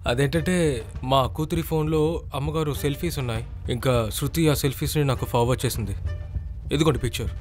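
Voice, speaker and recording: An actor playing the polite, worried adult son of a missing professor. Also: male voice, mid-range voice, brisk, darkish tone, faint music behind, lightly acted.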